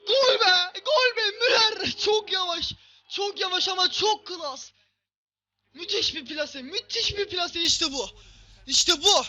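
Male gaming host, very high and sharp voice, loud play-by-play of his own football game, shouts and swears at it. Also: muffled recording. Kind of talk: football gameplay commentary.

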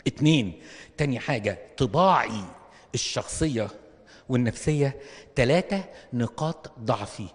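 A man with an Egyptian accent preaching a lively sermon, acting out little scenes and firing rhetorical questions at his listeners. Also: mid-range voice. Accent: Egyptian Arabic. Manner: animated, acts out little dialogues, rhetorical questions. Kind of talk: comic sermon to an audience. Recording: long reverb of a hall.

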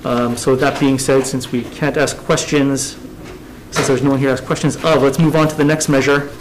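Speaking from a desk microphone in a hearing room, a man chairs a government committee hearing, reading out agenda items in a measured, businesslike way. His voice is medium-pitched and level, with background noise present, and the talk follows formal hearing procedure.

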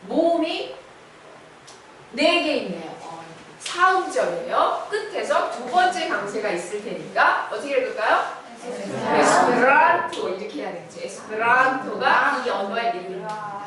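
A woman's voice: on the high side, expressive, moderate pace, recorded from a distance, crowd noise. A woman lecturing a class on a language, explaining each point step by step and putting questions to the room. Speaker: Esperanto lecturer. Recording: very echoey hall, speaker off-mic, faint noise.

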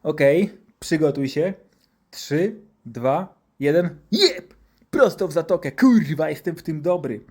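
A man's voice: on the high side, slow, dark tone. A man voicing a crude, drunk, boastful male doctor who swears constantly and swaggers.

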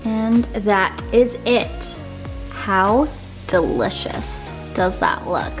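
In a medium-pitched voice, a fitness vlogger in her thirties draws out her words while cooking in her home kitchen. The casual cooking vlog has an upbeat, homey feel and is filmed from a camera on the counter. Background music and kitchen echo are audible.

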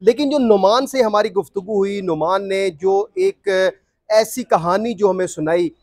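Reporter guy, real high voice, asking pointed questions, dry close sound. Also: a little slow, a little mellow, dry recording. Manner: probing, leading questions. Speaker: news reporter. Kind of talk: field reporting and interviewing.

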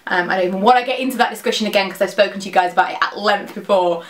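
A woman in her thirties speaks very quickly, as a beauty vlogger would to camera. Her voice sits at a medium pitch. She chats casually and rambles through product opinions with frequent asides. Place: small dressing room at home, indoors.

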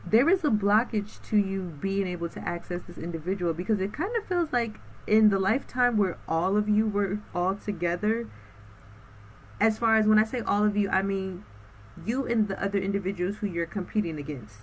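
A woman's voice: medium pitch, normal speed, a little hiss or hum, poor audio. A woman doing a spoken tarot reading, rambling and stretching out words, often tagging on "okay" and "um". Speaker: tarot reader.

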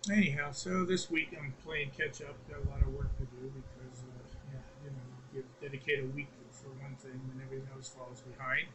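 A man's voice: medium pitch, fairly even intonation, fairly quick, hardly any pauses. A man checking in on an amateur radio net, chatty and rambling, heard over a radio transmission. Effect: radio transmission with static. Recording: radio audio with loud static.

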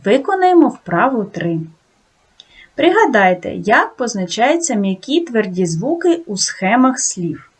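A woman teaching a video lesson to second graders, talking slowly and sing-song and praising the children often. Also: fairly high pitch, very animated, husky. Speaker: primary school teacher.

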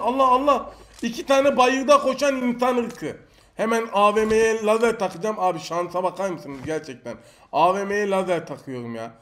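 A young man giving joking, excitable commentary over a mobile shooter game, talking to enemies and viewers. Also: high voice. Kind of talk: live gameplay commentary.

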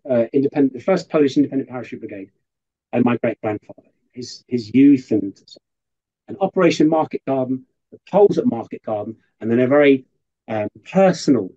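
A man, a professor, talking earnestly in an interview and telling stories with lively quoted asides. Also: mid-range voice, slightly rough, highs cut off. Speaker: professor giving a guest interview. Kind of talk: conversational interview storytelling.

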